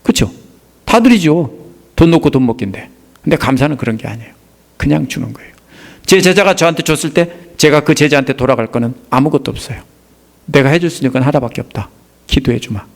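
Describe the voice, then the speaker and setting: A middle-aged Korean pastor preaches briskly and expressively in a gravelly voice. He poses questions to the congregation and answers them himself, raising his voice for emphasis before letting it fall low and soft.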